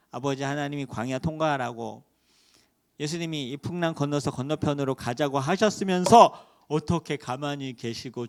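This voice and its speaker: Male pastor, sermon delivery, lively swings in pitch, fairly high voice, dramatic rises. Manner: animated preaching with rhetorical questions and sudden loud rises. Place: church sanctuary.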